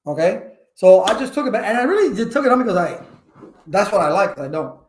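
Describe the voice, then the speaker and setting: A man hosting a casual livestream talk, energetic and rambling, with many fillers and restarts. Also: high voice, fast, roomy sound, slight background noise. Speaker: channel host.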